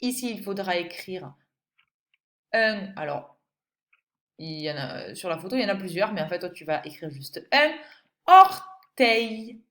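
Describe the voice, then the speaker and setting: A woman's voice: fairly low pitch, animated, normal speed, long pauses, fairly bright tone, reverberant. A woman teaching a phonics lesson to a young child in a patient manner, speaking directly to the pupil and spelling out letters. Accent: French. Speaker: primary school teacher.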